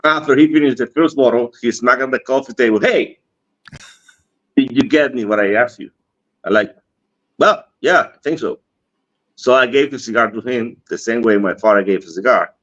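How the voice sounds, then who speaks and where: In dull lo-fi stream audio, a cigar industry guest from the Dominican Republic relates a story at normal speed in a mid-range, fairly bright voice with a Dominican Spanish accent. He's casual, acts out the lines, and laughs a lot.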